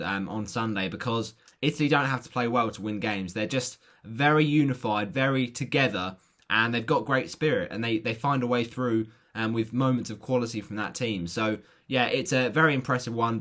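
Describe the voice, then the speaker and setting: Man with a hoarse voice giving out. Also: mid-range voice, a bit bright. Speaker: football prediction vlogger. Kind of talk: casual football prediction commentary to viewers.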